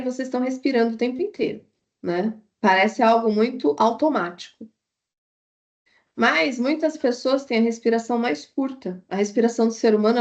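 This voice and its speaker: A woman instructor lectures in a high, bright-pitched voice. She is animated and keeps slipping into little acted-out inner thoughts as she explains. It sounds like a recorded online class. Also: highs cut off. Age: adult with a child. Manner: animated, acts out inner thoughts in quoted asides.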